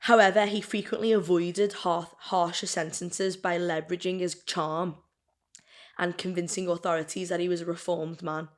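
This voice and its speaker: This podcast co-host, a woman with a low, steady voice, narrates a true-crime case from notes at a normal speed in a casual, chatty manner. She stumbles over words now and then and is burping and hiccuping.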